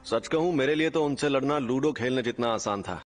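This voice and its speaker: A man's voice: medium pitch, fairly quick, very noisy, lightly acted. A man voicing a cocky, carefree young male sorcerer in an anime dub, teasing and taunting everyone.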